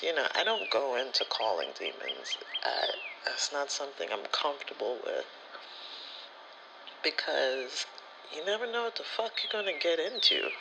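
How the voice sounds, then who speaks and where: With a mid-range voice and vocal fry, a spirituality content creator shares personal anecdotes in a loose, frank, meandering style, peppered with slang and curse words, for an ASMR vlog. Background noise can be heard.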